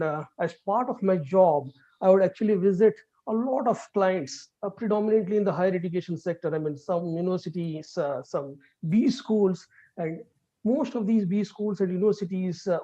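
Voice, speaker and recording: Fast-talking man lecturing online. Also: sits high, dark tone. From India. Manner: fast, earnest, many fillers and restarts. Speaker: guest speaker. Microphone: video call. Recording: dull lo-fi video call audio.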